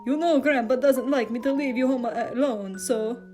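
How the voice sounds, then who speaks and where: A woman reading a fanfic aloud, voicing a grumpy, hot-tempered young man who talks gruffly. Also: a little high, moderate pace, darkish tone, faint music behind, lightly acted. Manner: gruff, cursing.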